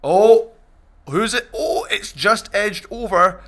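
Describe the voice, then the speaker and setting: A podcast host with a high voice presents a party game in a playful, animated, casual way, bantering as he goes. He takes things slowly.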